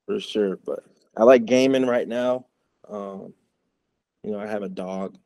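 A young adult guest from the Chicago area, who plays college football, keeps things relaxed in a casual interview chat, trailing off softly at times. His voice is fairly low and a bit slow, captured on a dry recording.

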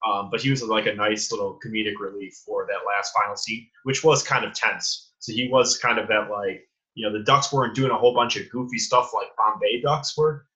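A man's voice: on the low side, steady tone, fairly quick, bright, forceful tone, dull audio. A young man co-hosting a podcast, rambling loosely as he explains favorite lines from a movie. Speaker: podcast co-host. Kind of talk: casual movie discussion.

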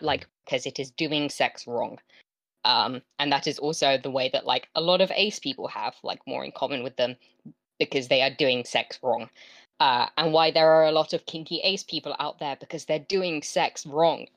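A woman with a West Country English accent co-hosts a podcast, chatting casually in an informal, emphatic style and peppering her talk with "like". Her voice is extremely low in pitch yet a bit bright, at a moderate pace, with no echo.

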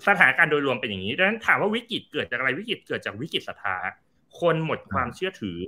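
Man, very bright tone, lively pitch, step-by-step explainer, talk show guest. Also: racing. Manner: animated, explains step by step with examples. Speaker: crypto advisory firm CEO, guest.

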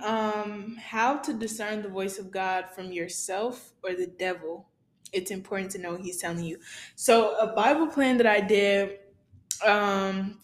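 A young woman steers a casual faith conversation and moves it on to each next point. She keeps up a steady stream of affirming hums while her co-host talks. Her voice rings slightly in an echoey room. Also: medium pitch. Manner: leads the topics, lots of affirming hums. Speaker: podcast co-host.

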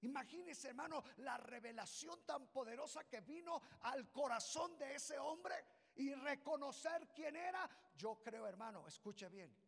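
Fiery high-pitched preacher in a reverberant hall. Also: male voice, expressive, measured pace, gravelly. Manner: impassioned, swings from shouting to low intimate asides; acts out the people in the story with put-on voices. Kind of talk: sermon.

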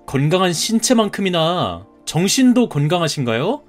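A man's voice: high voice, very animated, normal speed, soft background music. A man in his thirties voicing a polite but stubborn young groom-to-be who answers back in a cartoon story. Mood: defiant. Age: 30s. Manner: polite, defiant retorts.

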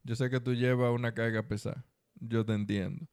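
A man's voice: medium pitch, level tone, a little fast, darkish tone, smooth, dry recording, studio quality. A man with a Dominican accent co-hosting a podcast, chatting casually in slangy speech and repeating phrases for emphasis as he gives advice. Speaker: podcast co-host. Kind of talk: casual conversational chat with advice to listeners.

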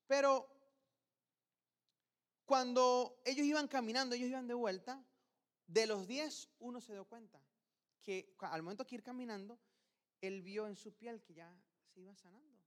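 A woman's voice: fairly high pitch, moderate pace, long pauses. A woman preaching a sermon in a casual, conversational way, acting out short bits of dialogue and reading scripture aloud. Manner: informal, acts out dialogue and reads scripture.

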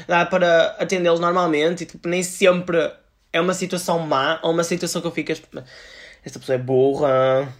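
A man in his twenties with a European Portuguese accent, hosting a solo podcast and telling shop stories in a sassy, animated way. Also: fairly high pitch, brisk. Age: 20s. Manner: sassy, animated storytelling with playful asides. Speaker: podcast host; retail shop worker. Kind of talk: casual solo podcast monologue.

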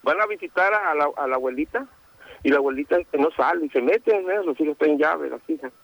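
A man calls into a radio show and tells a joke in a rambling, halting way, full of fillers. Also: on the high side, vocal fry, fairly bright tone, dry recording. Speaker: radio caller. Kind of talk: telling a joke on a phone call. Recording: tinny phone line with faint music.

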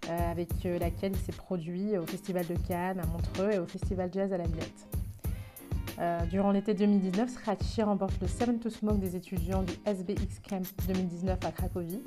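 A woman hosting a podcast, reading an upbeat intro and then chatting with frequent hesitations. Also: lowish voice. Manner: clear, upbeat read intro, then chatty with many fillers. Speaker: podcast host. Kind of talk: podcast interview with scripted intro.

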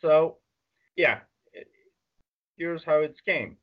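A man with a Belarusian accent answering interview questions conversationally, in halting, non-native English phrasing. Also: fairly high pitch, phone-quality sound. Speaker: interview guest, adaptive sports organiser.

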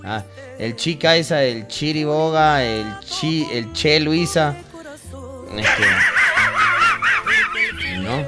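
A man's voice: fairly high pitch, extremely slow, pauses often, over music. A man co-hosting a radio show, a playful storyteller who acts out little scenes in casual banter. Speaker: radio co-host.

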